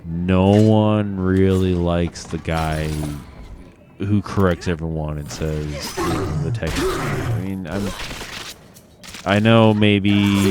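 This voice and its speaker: Over background noise, a low-voiced man with a Midwestern American accent hosts a casual gaming podcast. He sounds a little drunk, rambling and reflective, and swears casually as he talks.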